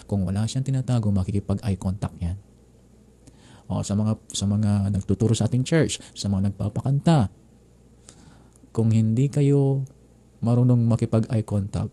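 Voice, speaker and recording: A man teaching preaching tips in an easygoing, chatty manner, often repeating his words as he explains. His low voice is warm and a little husky. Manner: conversational, repeats words, laughs lightly. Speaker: preaching instructor.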